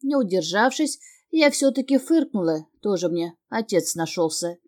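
Woman, audiobook narrator, first-person fantasy reading, mellow voice, steady expressive delivery. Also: medium pitch, normal speed.

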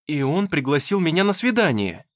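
A man voicing an eager, excitable young woman anxious to please. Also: high-pitched, a little slow, voice pushed up. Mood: excited. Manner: bubbly, excitable.

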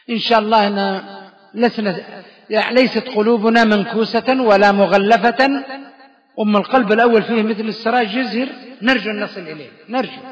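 High-voiced man quizzing students. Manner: brisk quizzing with quick praise. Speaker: teacher of Quran exegesis. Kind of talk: classroom question-and-answer lesson. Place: study circle with students. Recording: dull reverberant lo-fi hall recording.

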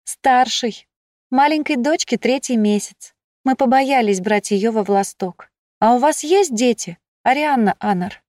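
A friendly young mother, voiced by a woman reader, chats brightly, pitched higher than the narration. Close, dry recording. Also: a little slow, no room sound, lightly acted. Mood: cheerful. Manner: bright, chatty.

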